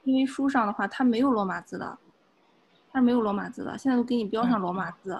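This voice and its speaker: A Japanese teacher leads a beginners' class over video, patiently walking through each step. Her fairly high, creaky voice moves fast against a noisy background.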